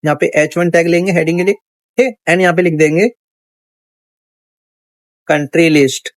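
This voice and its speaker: High-voiced man teaching coding casually. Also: steady tone, normal speed, dry recording. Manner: chatty, thinks aloud, frequent "theek hai" check-ins. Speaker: coding instructor. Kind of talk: casual screen-recorded coding tutorial.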